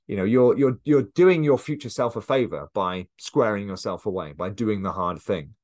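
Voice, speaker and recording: A man's voice: lowish voice, normal speed, a little mellow. A man coaching listeners in a casual, earnest motivational monologue, with frequent fillers and restarts. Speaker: coach and podcast host.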